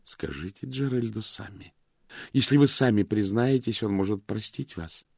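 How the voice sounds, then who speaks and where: A man's voice: lowish voice, moderate pace, creaky, a little mellow, slightly rough, no room sound. A male reader voicing a cold, cutting woman in a dry, close recording. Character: cold, mocking, unyielding woman.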